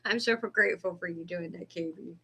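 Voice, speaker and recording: A woman hosting a casual spiritual livestream, rambling between prayer requests and reading Bible verses slowly and deliberately. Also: on the low side, gravelly, fairly bright tone, husky. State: hiccups, dry throat.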